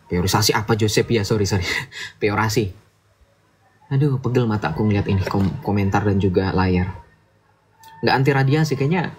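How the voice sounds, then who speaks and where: A livestream host chats casually and lectures his audience, often asking "betul nggak?" to get them to agree. His voice sits on the low side, a little mellow and slightly rough.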